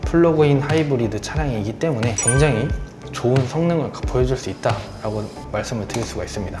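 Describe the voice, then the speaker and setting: Speaking low to spare a sore throat, a salesman at a car dealership runs through this month's promotions in a courteous, persuasive patter. His words echo around a spacious room while a music bed sits audibly underneath.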